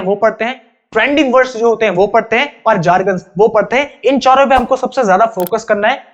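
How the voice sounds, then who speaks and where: A man teaching an exam-prep vocabulary lesson, chatty and repetitive, calling his students brother. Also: very high-pitched. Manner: chatty, repetitive explaining, addresses students as bhai. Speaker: English teacher. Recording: dull lo-fi recording.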